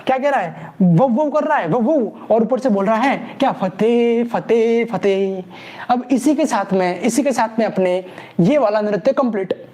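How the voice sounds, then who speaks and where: A man's voice: very high-pitched, unhurried, dark tone. A man teaching an exam-prep class, playfully asking questions and answering them himself while drilling memory tricks. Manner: playful call-and-response, repeats each key word with mnemonic stories.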